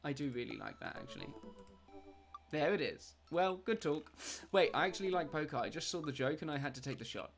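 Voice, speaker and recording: A man's voice: fairly high pitch, lively intonation, brisk, creaky, faint music behind. A young man, a streamer reading a dating game aloud and chatting about it in a playful, self-mocking way. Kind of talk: let's-play commentary, reading game dialogue aloud.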